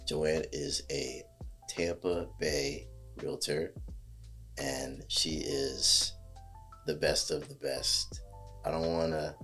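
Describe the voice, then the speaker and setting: A man from New Jersey hosting a casual conversation in a friendly way, with plenty of fillers. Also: very deep voice. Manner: friendly, fillers, talks it through. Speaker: podcast host. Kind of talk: casual chat.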